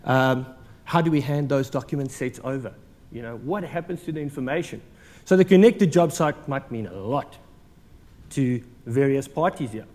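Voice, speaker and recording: In a large conference hall, a South African-accented speaker delivers a lighthearted, chatty presentation with plenty of ums and uhs. His medium-pitched voice is expressive and a little mellow, moving at normal speed with a big-room sound.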